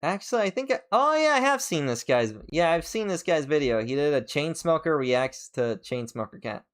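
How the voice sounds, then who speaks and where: A man chatting casually on a reaction stream, excitable, swearing, and restarting his sentences as he rambles. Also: on the high side, moderate pace, clear, resonant tone.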